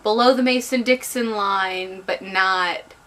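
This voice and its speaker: A woman's voice: mid-range voice, slow, fairly bright tone. A tipsy woman giving a casual book review, rambling a little and repeating herself for emphasis. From southern United States. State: tipsy from drinking. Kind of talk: casual spoiler-free book review chat.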